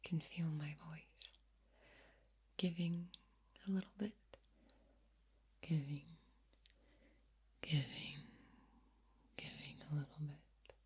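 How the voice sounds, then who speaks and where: A woman whispering slowly in an ASMR video, repeating words softly as a trigger. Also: low-pitched, steady tone. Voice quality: breathy whisper. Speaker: ASMR creator.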